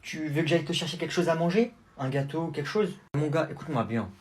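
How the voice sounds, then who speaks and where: A man's voice: fairly high pitch, fast talker. A man doing comic TikTok skits as a cheeky kid, talking in brash, mocking street slang. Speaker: comedy skit creator.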